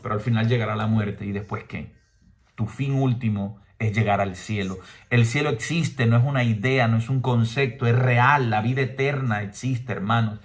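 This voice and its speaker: Man preaching an emphatic homily. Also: moderate pace. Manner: preaching with emphatic rhetorical questions; mimics people in higher voices. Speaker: priest.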